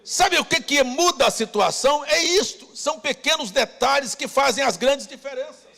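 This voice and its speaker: A man preaching a sermon as pastor, rousing the congregation with shouted calls. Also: extremely high pitch, animated, moderate pace, gravelly. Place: church hall. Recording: long church reverb.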